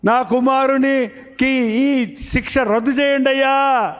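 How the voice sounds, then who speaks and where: A man's voice: very high-pitched, fairly even intonation, slow, long reverb tail. A man doing a mother begging for mercy. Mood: pleading. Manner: tearful, begging, repeating "sir". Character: pleading grieving mother begging a king.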